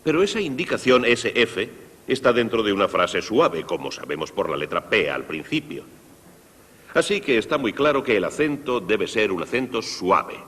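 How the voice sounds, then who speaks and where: A man with a low, husky voice teaches young listeners about the orchestra. His pitch swings widely as he explains, speaking straight to the children. The sound carries a long hall reverb. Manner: lively, explanatory, addressing children directly. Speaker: conductor presenting a concert for young people. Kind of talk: Spanish dub of a televised music lesson.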